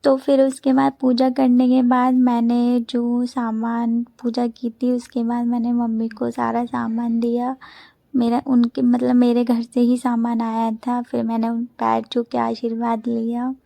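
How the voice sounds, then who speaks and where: A woman's voice: fairly high pitch, completely flat delivery, unhurried, vocal fry, mellow, no echo. A woman in her twenties narrating her vlog in a chatty voice-over, telling a loose story with many restarts. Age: 20s. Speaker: vlogger.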